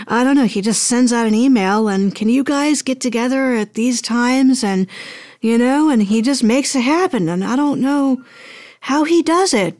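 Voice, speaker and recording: As an interview guest, a woman who produces audio dramas and does voice acting speaks casually, thinking aloud in a hesitant, rambling way. Her voice is fairly high and a little mellow, captured in a dry, clean studio recording.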